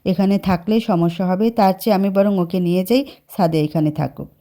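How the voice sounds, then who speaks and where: A woman voicing a gentle, worried middle-aged mother in a dramatized story reading. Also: lowish voice, brisk, close to an everyday voice.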